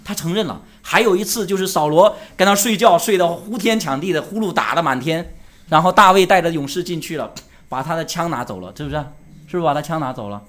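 A man preaching a sermon, asking the congregation rhetorical questions and answering them himself, rising to loud emphasis and dropping low. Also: expressive, quick pace. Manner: swings between loud emphasis and quiet drops. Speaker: pastor.

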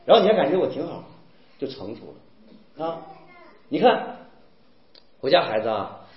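Animated preaching man, echoey room. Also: on the high side, moderate pace, dull audio. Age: young adult. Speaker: pastor. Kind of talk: sermon.

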